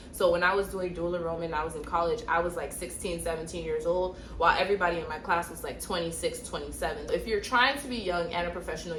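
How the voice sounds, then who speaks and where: A woman's voice: lowish voice, fairly bright tone, roomy sound, a little hiss or hum. A young woman from Miami, a nurse, giving direct, emphatic storytime advice and repeating points for stress. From Miami, Florida. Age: young adult. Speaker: nurse and vlogger.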